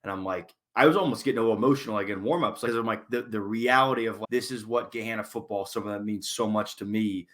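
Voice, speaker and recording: A high school football coach co-hosting a podcast, speaking earnestly and reflectively in casual chat. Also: male voice, quick pace, hardly any pauses, fairly bright tone. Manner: earnest and reflective, with small restarts.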